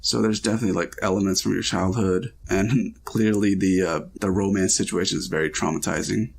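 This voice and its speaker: Man, low voice, gravelly, casual podcast chat, relaxed. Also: a little fast. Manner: relaxed, talks with frequent fillers. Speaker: podcast co-host reading and interpreting dreams.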